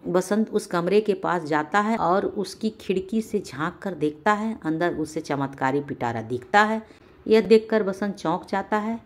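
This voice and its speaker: Calm woman telling a bedtime story. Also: fairly low pitch, unhurried.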